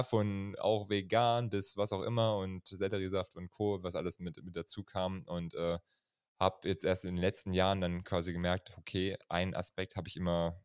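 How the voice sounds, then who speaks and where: A man in his thirties from Germany, a chiropractor talking as a guest in a relaxed, loose way. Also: sits low, no room sound, clean studio sound. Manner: relaxed, loose, peppers speech with "ja". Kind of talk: casual interview talk.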